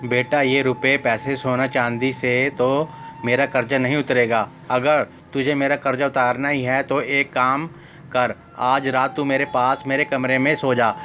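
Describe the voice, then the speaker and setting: A patient, reproachful old mother as a man reads her lines speaks quietly and gently in a flat, even, mid-pitched voice. Faint music plays softly under her. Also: measured pace. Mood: gentle.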